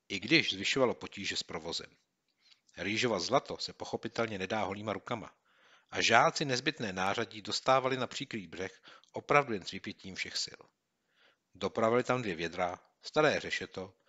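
Bright-voiced male audiobook narrator. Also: on the low side, dull audio. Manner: steady, clear storytelling. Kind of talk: scripted narration.

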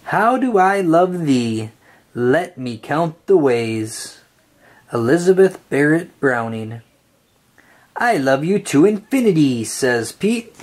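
Reading a children's picture book aloud, a storybook reader uses an expressive, sing-song lilt and lingers on drawn-out phrases. The voice sits in the mid range.

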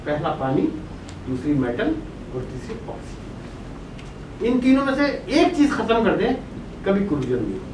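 This older man's high voice swoops wildly in pitch, and he talks a little slowly with frequent pauses, his Pakistani Urdu accent muffled by a face mask. As a professor covering boiler chemistry, he writes on the board, asks his class questions, then answers them. Captured from afar on a room mic, the brick-walled meeting room sounds echoey and noisy.

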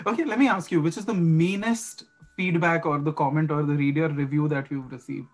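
A man's voice: on the high side, normal speed, rough recording. A man hosting a podcast interview who asks questions hesitantly, with many fillers and restarts. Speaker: podcast host.

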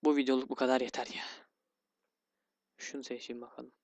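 A man's voice: mid-range voice, flat delivery, a little fast, no echo, lo-fi sound. A man commentating his own gameplay, grumbling and getting easily frustrated, with sighs and yelps. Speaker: gaming YouTuber. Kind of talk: let's play commentary.

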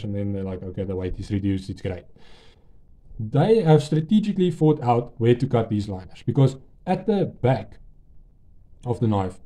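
Male reviewer, very dark mellow tone, eager and rambling. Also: mid-range voice. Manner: enthusiastic, rambling, many fillers and restarts. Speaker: knife reviewer. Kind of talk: casual product review.

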